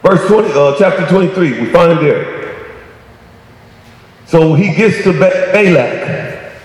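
A man preaching a sermon, calling out to the congregation and rising to shouts on key points. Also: fairly high pitch, slow pace. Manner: call-and-response preaching, "come on, somebody". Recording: echoey hall with long reverb.

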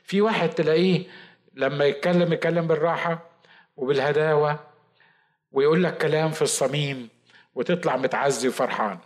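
A man with an Egyptian Arabic accent, preaching a Bible study sermon in a lively, talkative way with asides and mock quotes. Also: on the high side. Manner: says he shouts and talks fast. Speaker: pastor.

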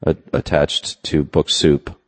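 Very deep-voiced male interviewer. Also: little pitch movement, slow. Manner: easygoing, teasing questioner. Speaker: interview host. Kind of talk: casual interview chat.

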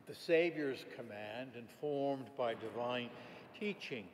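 A man speaking as a priest at Mass, reciting solemn prayers in formal, measured phrases with emphatic swells, in a cathedral echo. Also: medium pitch, animated. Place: large reverberant church. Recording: cathedral echo, long church reverb, background noise.

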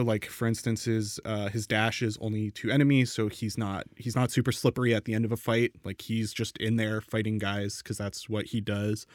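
A man's voice: fairly low pitch, no room sound, studio quality. A man talking casually in a panel discussion, explaining with fillers and restarts.

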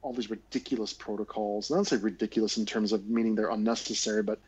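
A man's voice: on the low side, fairly even intonation, fast talker, a little mellow, slightly rough. A man co-hosting a podcast, chatting casually in a loose, rambling way with the odd swear word. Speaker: podcast co-host. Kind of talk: casual chat. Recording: dull lo-fi sound.

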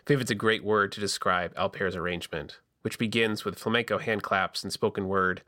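A man's voice: lowish voice, steady tone, fairly quick, sharp tone. A man hosting a podcast, reading scripted narration from a makeshift booth in a home basement with some basement echo. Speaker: podcast host.

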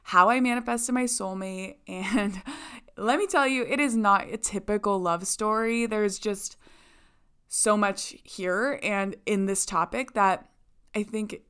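A young woman hosts her podcast solo, bubbly and chatty, full of casual fillers as she talks. Her voice comes through smooth and clear. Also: mid-range voice, slow, bright, forceful tone. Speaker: podcast host.

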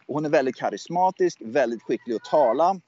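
A man's voice: fairly high pitch, lively intonation, darkish tone, lo-fi sound. A man in casual political chat, speaking as a US correspondent, often hesitant, repeating and restarting his words. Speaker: USA correspondent. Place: southwestern USA.

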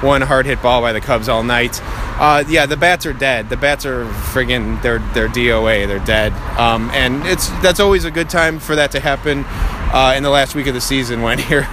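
A man co-hosting a casual sports podcast with wry, resigned griping, recorded in low quality while walking outdoors by traffic. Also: normal speed, few pauses. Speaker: podcast co-host. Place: outdoors walking along a busy city street at night. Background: passing traffic.

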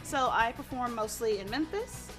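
A woman's voice: fairly high pitch, lively intonation, normal speed, music in the background. A woman performer chatting casually as an interview guest. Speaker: traveling showgirl being interviewed.

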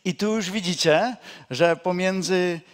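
A male pastor delivers a sermon in an unhurried, measured way, with a voice pitched somewhat above the usual for a man. He repeats his key phrases and sinks into a hushed, low tone to stress a point, and now and then he warms into homely storytelling with a light touch of humor. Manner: slow and deliberate, repeats key phrases, drops to a quiet low voice for emphasis.

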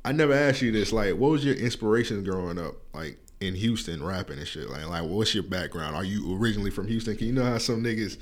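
A man's voice: on the low side, quick pace, hardly any pauses. A man hosting a podcast, chatting loosely with lots of slang and filler words. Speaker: podcast host. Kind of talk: casual interview chat.

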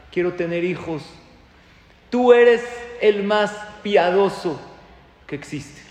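A man's voice: a little high, a little mellow, roomy sound, long reverb tail. Man voicing a pleading young man. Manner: fervent, tearful pleading.

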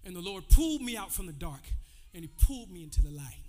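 A man's voice: sits high, sing-song, quick pace, warm tone, faint music behind. A man in his forties preaching a sermon, loose and conversational, calling out to the congregation between testimony. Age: 40s. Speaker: pastor. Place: church sanctuary. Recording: long hall reverb.

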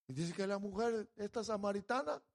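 Un hombre predicando un sermón, exhortando a la congregación y pasando de tono bajo a fuerte énfasis. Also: male voice, sits high, lively intonation, normal speed, gravelly. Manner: exhorting, addressing the congregation directly; swings from quiet to loud emphasis. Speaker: preacher. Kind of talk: sermon.

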